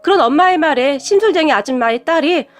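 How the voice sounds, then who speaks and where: A woman giving steady scripted narration of a first-person story. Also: high voice, quick pace.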